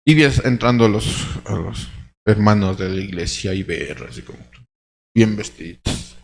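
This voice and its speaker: A man preaching a sermon, reading scripture aloud and breaking into lively acted-out asides. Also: lowish voice, creaky. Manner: animated preaching, reads scripture aloud, acts out quick asides. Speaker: pastor. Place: church. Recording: church hall with long reverb and faint hum.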